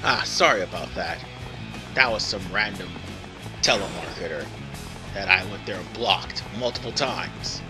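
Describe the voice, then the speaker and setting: A tired-sounding man with a low voice and moderate pace hosts a gaming video, offering casual let's play commentary over video game music. He rambles, drifts into digressions, and keeps stopping to correct himself.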